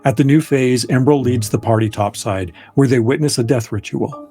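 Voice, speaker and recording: Male game master: dramatic, measured fantasy narration with literary wording, mid-pitched, light music bed. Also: warm tone.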